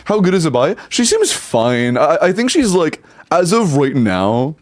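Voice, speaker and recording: Over a headset mic, a man streams a game and chats casually with his viewers, stumbling and repeating words as he reacts. His voice sits on the high side and is very animated, though he never hurries.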